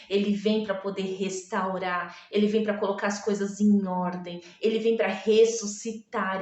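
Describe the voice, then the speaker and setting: Slow, echoey woman preaching. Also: mid-range voice, darkish tone. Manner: emotional preaching, slow and pleading with dramatic pauses. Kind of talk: sermon. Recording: echoey room, distant from mic.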